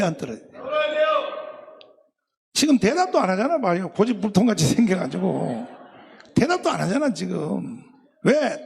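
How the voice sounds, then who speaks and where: An older man, a pastor preaching a live sermon to a congregation, combative and mocking, scolding listeners in rough slang. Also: high-pitched, long reverb tail.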